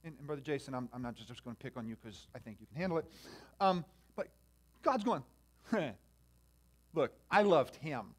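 Talking straight to his congregation, this pastor moves from quiet, conversational moments to loud, fervent preaching. His mid-range voice is sing-song, and he speaks fairly quickly.

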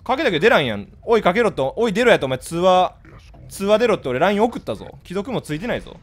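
Lively Kansai-accented male streamer. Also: high voice. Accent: Kansai Japanese. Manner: blunt, scolding, rapid-fire retorts. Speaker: live streamer. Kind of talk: casual live-stream chat with viewers.

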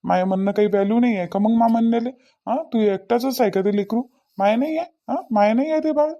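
A man's voice: very high-pitched, quick pace, muffled recording. A man with a Varhadi Marathi accent voicing an indignant young husband who keeps firing questions back. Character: resentful young husband, sulky.

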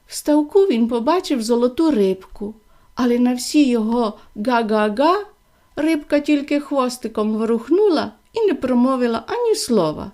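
A woman gently and expressively reading a children's fairy tale aloud. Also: a little high, expressive, moderate pace. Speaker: storyteller.

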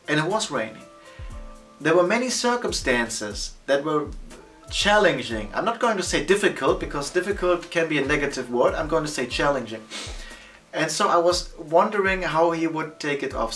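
A man in his thirties talking casually to the camera as a photography vlogger, animated and gesturing with both hands. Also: a little high, far from the mic. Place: indoor studio against a plain backdrop.

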